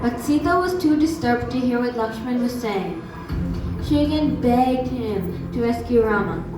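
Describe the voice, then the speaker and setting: Female storybook narrator, even read, mic far away in a reverberant hall. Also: fairly high pitch, a little slow. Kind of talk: scripted storytelling narration for a stage dance drama. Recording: echoey hall from far off, music behind.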